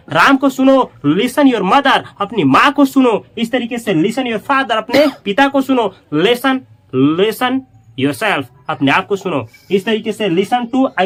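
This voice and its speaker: A man teaches spoken English to his viewers. He repeats every phrase slowly several times and talks to them directly and casually. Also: sits high, a bit bright. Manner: chatty, addresses viewers directly. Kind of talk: Hindi-medium English lesson.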